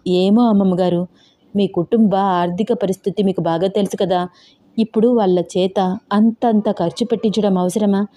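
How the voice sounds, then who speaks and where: A woman acting out a nervous young bride-to-be who fusses and pleads. Her voice is soft and mellow. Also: mid-range voice, fairly even intonation, moderate pace, close to an everyday voice. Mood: worried. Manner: fretful, pleading.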